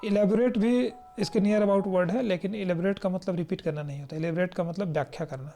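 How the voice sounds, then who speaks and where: A teacher from India gives an exam-prep vocabulary lesson. They explain each word patiently, read definitions aloud slowly and keep checking in with the class. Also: medium pitch, mellow, a little hiss or hum. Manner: explanatory, checks in often with "right?".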